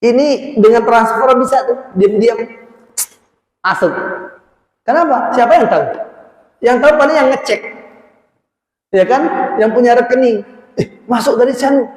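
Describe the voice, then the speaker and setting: A man preaching an Islamic sermon to a congregation in a prayer hall, speaking Indonesian with an Indonesian accent and lively outbursts and Arabic phrases. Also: very high-pitched, moderate pace, long pauses. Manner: lively, rising to exclamations, quoting Arabic phrases. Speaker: ustadz preacher. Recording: echoey hall, roomy reverb.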